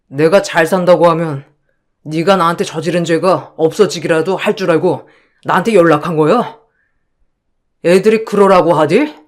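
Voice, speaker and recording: Brief: man as hurt husband confronting a friend, quiet reproach, highish voice. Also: natural voice. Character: wronged young husband, bitter but soft-hearted. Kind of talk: storybook audio drama acting.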